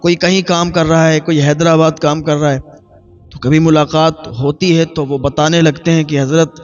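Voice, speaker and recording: A man's voice: a little high, little pitch movement. A man preacher delivering an emotional sermon, telling a story with lots of repetition. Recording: dull lo-fi with faint music.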